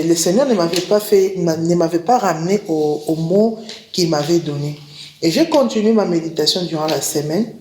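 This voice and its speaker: Halting woman preacher in an echoey room. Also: sits low, a little mellow, slight background noise. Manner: halting, repeats and restarts words, reads verses slowly. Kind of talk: spoken testimony with scripture reading. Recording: roomy echo.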